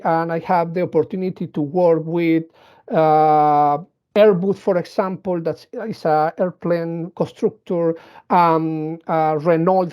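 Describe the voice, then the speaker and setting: Speaking to students as a robotics engineer, this man has a high, slightly mellow voice captured on dull audio. His Latin American Spanish accent reflects his Venezuelan and Colombian roots and native Spanish, and his delivery is hesitant, full of fillers and false starts.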